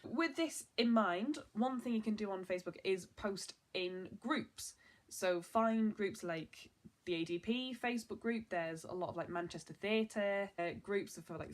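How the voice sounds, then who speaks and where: A young woman presenting a casual online marketing tutorial in an upbeat, chatty way, with a lot of "so" and "like". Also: mid-range voice.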